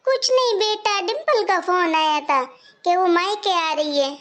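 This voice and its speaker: A performer playing a soft-hearted elderly mother who gently placates her family in a comic skit. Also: very high voice, unhurried. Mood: worried. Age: older.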